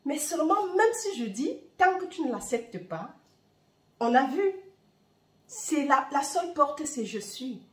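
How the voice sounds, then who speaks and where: Slow, lively Bamileke-accented woman. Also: sits high, echoey room. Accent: Bamileke-accented French. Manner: warm, fervent, with hesitant fillers. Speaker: spiritual reader and channel host. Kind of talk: heartfelt spiritual talk to viewers.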